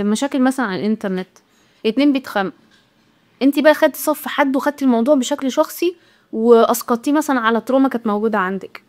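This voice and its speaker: A woman's voice: on the high side, a little mellow. A woman with an Egyptian Arabic accent giving casual motivational advice, talking chattily and directly to women watching. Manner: chatty, direct, talks straight to the viewer. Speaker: self-help vlogger.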